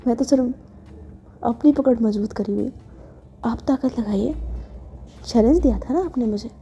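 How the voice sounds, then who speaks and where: A woman's voice: fairly high pitch, normal speed, warm tone, highs cut off, soft background music, lightly acted. A woman voicing a teasing, stubborn young woman who coaxes and insists in a cheeky, playful way, in a read-aloud story.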